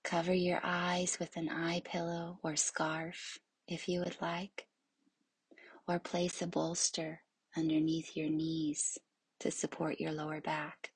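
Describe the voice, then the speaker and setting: Low and flat, a woman's hushed, breathy voice, often nearly a whisper, guides a yoga nidra meditation. She is soothing and leaves long pauses, and the recording has no room sound.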